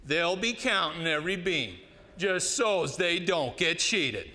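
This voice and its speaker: A man with an American West cowboy twang recites cowboy poetry in a folksy drawl with dramatic pauses. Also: on the high side, animated, sharp tone. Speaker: cowboy poet. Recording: reverberant hall.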